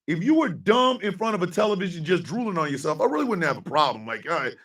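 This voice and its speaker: A man in his fifties hosting a live stream, ranting with profanity and often breaking into shouts. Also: high-pitched, sing-song, quick pace, far from the mic. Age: 50s. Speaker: host.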